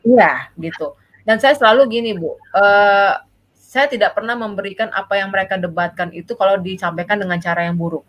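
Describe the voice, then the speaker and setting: Speaking fairly quickly in a mid-range voice, a woman who is a child psychologist offers parenting advice in a casual conversation. She explains things patiently, with frequent tag phrases and a habit of repeating "gitu ya", all captured on a rough recording.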